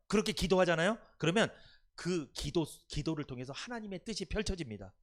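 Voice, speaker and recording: A man preaching a Sunday sermon, asking the congregation questions and repeating key words. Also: fairly high pitch. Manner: lively, rising and dropping loudness. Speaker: pastor.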